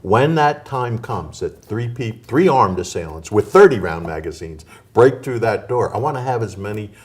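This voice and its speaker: Brief: male interviewee, low voice, animated, firm and earnest. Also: normal speed, slightly rough. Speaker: interviewee, gun owner.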